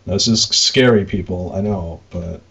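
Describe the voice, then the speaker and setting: This arcade game operator's voice sits low, a bit bright and creaky, and he talks a little slowly. Co-hosting a podcast, he rambles informally through unscripted shop talk with some mildly crude slang, recorded in dull lo-fi quality.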